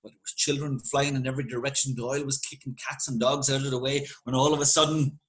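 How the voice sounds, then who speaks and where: Lively Irish male storyteller. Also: mid-range voice, rough recording. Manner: lively, conversational, dramatic pauses. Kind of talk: spoken folk tale narration.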